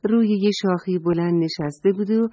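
A woman's voice: medium pitch, no echo. A woman telling a children's story, speaking in a lilting way and addressing the children directly. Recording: dull dry recording, soft music.

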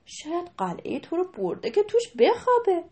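Calm patient dad, slow and reassuring, voice kinda high, a lady doing him. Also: full character voice. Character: cheerful, patient father of a little girl.

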